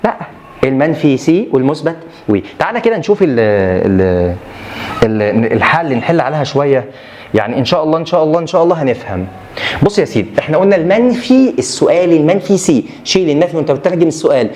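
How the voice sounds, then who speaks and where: A man's voice: fairly high pitch, big pitch swings, fast, a little mellow. A man with an Egyptian Arabic accent teaching French for an exam review. He drills rules over and over and throws in playful asides to students.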